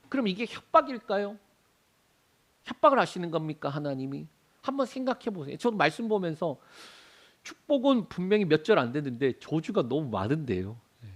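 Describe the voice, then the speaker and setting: A middle-aged man preaching a sermon, his voice sitting high and swinging widely in pitch. He keeps throwing questions at the congregation and answering them himself. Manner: animated, asks and answers his own questions. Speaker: pastor.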